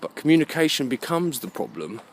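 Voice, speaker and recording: With a medium-pitched voice that swings widely and a fairly quick delivery, a British vlogger rambles through his opinions. He speaks emphatically, asks rhetorical questions and checks the listener is keeping up.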